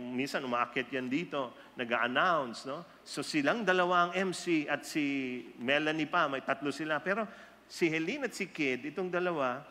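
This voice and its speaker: A man preaching a sermon that switches between Tagalog and English, telling stories animatedly. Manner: animated storyteller, jumps high for quoted voices. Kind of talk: sermon mixing Tagalog and English, with acted quotes. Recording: long hall reverb.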